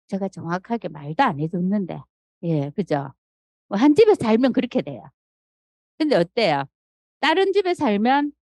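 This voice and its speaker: A middle-aged woman speaks to an audience in a lively, swooping voice that sits a little low. Her tone is mellow and dark, and she acts out quoted lines and keeps asking rhetorical questions. The sound is dry and close. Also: gravelly, dry recording. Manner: animated storytelling, acting out quotes, frequent rhetorical questions. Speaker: seminar speaker. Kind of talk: motivational business talk to an audience.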